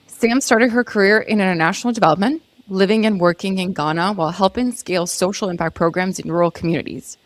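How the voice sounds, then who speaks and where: A woman's voice: medium pitch, fast talker, hardly any pauses, dry recording. A woman from Croatia, hosting a podcast interview in a chatty way, asking questions with asides. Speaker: podcast host.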